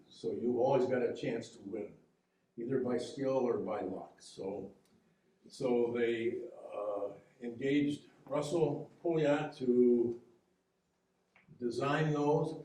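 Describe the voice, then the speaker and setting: A man presenting a local history talk on boat building, explaining slides in a halting, conversational way with fillers and restarts. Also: mid-range voice, fairly even intonation, warm tone, far from the mic. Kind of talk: public history lecture with slides. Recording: echoey room, heard from afar.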